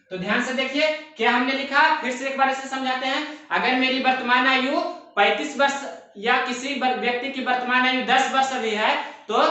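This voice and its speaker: A man's voice: very high-pitched, sharp tone. A young man teaching a math lesson, explaining step by step and often repeating himself and asking rhetorical questions. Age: young adult. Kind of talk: exam-prep math lesson. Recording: very echoey room.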